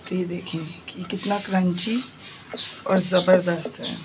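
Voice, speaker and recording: A woman with a Pakistani Urdu accent hosts a home cooking tutorial from her kitchen, chatting viewers through each step and repeatedly pointing things out to them. Her voice is lowish and flat, a little slow, with background noise behind it.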